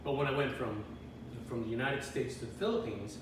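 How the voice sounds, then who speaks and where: This interview guest is a middle-aged man whose medium-pitched voice moves fairly quickly and sounds far from the mic. In an echoey, noisy room he casually recounts his life story, rambling, restarting frequently, and chuckling from time to time.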